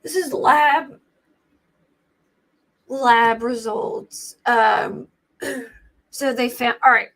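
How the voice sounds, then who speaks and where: A woman's voice: a little high, extremely slow, pauses often, fairly bright tone. A woman with an American accent and a scratchy voice, hosting a casual livestream and rambling informally as she thinks aloud. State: scratchy voice today. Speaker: livestream host commenting on true crime cases. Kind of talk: casual livestream chat commentary.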